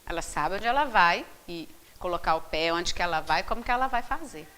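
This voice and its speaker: A woman leading a book study group, animated and constantly checking in with her listeners through rhetorical questions. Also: lowish voice, brisk. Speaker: spiritist study group leader.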